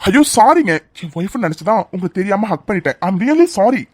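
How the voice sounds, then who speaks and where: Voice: mid-range voice, big pitch swings, a little fast, darkish tone, no echo. A voice actor playing a flustered young husband in a cartoon dub, pleading and confused.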